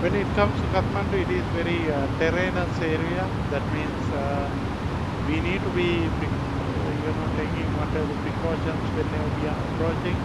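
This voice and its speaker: A man giving a casual, halting explanation while aboard an airliner. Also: level tone. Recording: dull, distant audio under loud aircraft rumble.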